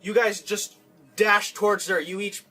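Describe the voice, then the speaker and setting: Bright-voiced male dungeon master. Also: sits high, fairly even intonation. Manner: vivid, quick descriptive narration. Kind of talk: narrating a tabletop game. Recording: distant mic with music behind.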